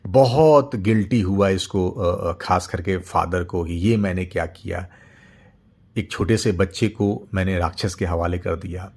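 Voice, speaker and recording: A man's voice: low voice, measured pace, a little mellow, slightly rough. Middle-aged man telling a story. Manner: unscripted, with frequent fillers and repeated words. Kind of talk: casual spoken story narration.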